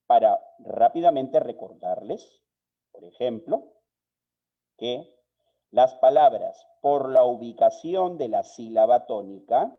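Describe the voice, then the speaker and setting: A man with a Peruvian Spanish accent teaching a live online spelling lesson, measured and explanatory, asking viewers questions. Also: mid-range voice. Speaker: online course instructor. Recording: slightly dull lo-fi audio.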